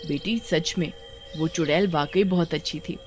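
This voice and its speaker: A woman's voice: lowish voice, normal speed, soft background music, natural voice. A woman voicing an anxious village mother in a cartoon, who stammers when startled.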